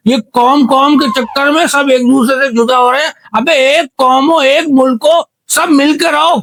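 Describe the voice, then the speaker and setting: An actor playing a deaf man in a comedy interview, who mishears every question and rambles loudly and indignantly. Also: extremely high pitch, creaky, slight background noise, exaggerated voice. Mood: preachy. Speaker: guest character in comedy interview. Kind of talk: comedy sketch acting.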